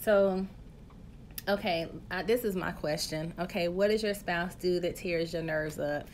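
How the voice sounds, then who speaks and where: A woman's voice: on the low side, measured pace, darkish tone, slight background noise. A woman hosting a casual live stream on her phone, chatty and playful, reading viewer comments and talking straight to her audience. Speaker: host of a live stream, health coach.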